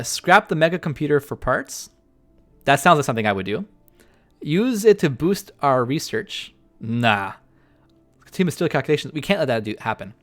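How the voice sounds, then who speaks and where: A man live-streaming a strategy game, thinking out loud in a rambling, filler-heavy way. His voice sits at an ordinary middle pitch for a man. Faint music plays underneath. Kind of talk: casual live-stream chat.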